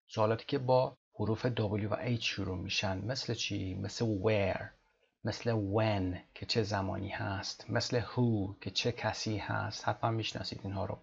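A man with a gravelly, slightly husky voice works through an English textbook lesson. He slows right down whenever he models how a word should sound. The recording is dull and lo-fi. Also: lowish voice. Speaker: English teacher.

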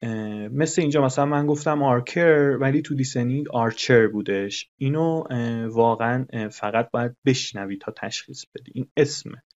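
A man's voice: mid-range voice, hardly any pauses, darkish tone. A man teaching English, explaining patiently, repeating phrases and translating them. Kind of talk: recorded lesson explanation. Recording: dull lo-fi recording.

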